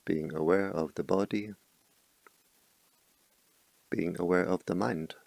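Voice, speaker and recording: In a slow, soft delivery, a meditation teacher with a deep and heavily fried, gravelly voice gives short, peaceful cues punctuated by long pauses. The audio sits close and dry with no echo, and it's a low-quality recording.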